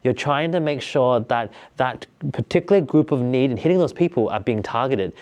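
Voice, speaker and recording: A man talking casually to camera, coaching viewers on business ideas in an energetic, repetitive way. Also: medium pitch, normal speed. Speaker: business tips vlogger. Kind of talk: casual motivational talk to camera.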